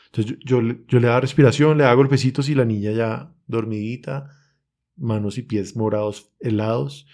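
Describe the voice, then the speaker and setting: A man's voice: medium pitch, darkish tone. A young man with a Bogotá accent, telling an emotional personal testimony as a podcast guest in an urgent, earnest way. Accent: Colombian, Bogotá. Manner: earnest, urgent storytelling, reenacts his own pleas.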